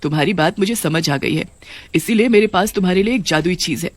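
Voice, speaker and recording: A woman playing a calm, regal witch queen. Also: on the low side, quick pace, dry recording, close to an everyday voice. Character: commanding witch queen, gracious and kind.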